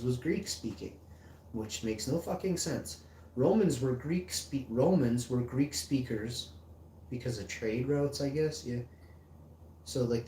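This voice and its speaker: A man hosting a casual livestream, reading text aloud haltingly and rambling between lines. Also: medium pitch, dark tone, far from the mic. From Icelandic and German parentage. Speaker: livestream host. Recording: echoey room, mic set back, faint hiss.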